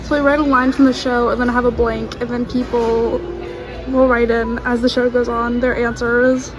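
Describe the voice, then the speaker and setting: Casting: chatty, informal woman, high voice, casual backstage vlogger, music underneath. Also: level tone, normal speed, low-quality recording. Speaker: theatre dresser vlogging backstage. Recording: music behind the voice.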